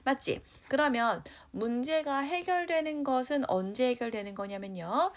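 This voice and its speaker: A woman teaching a high school English grammar lesson. She talks lively, keeps checking in with her students, and reads English sentences out slowly as she writes them. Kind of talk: online grammar lecture.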